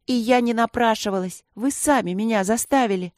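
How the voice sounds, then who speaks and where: Brief: earnest teen girl, heated and near tears, firm, raised a bit in pitch, as a woman reader does her. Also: fairly quick, a little mellow, dry recording, clean studio sound, lightly acted. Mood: outburst. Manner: heated, tearful insistence. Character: stubborn, earnest teenage schoolgirl runner.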